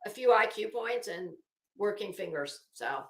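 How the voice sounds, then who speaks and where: A woman with a medium-pitched, animated voice reads documents aloud dramatically and unhurriedly. As an online host she keeps breaking off into sarcastic, brash, profane commentary, all captured in an echoey room.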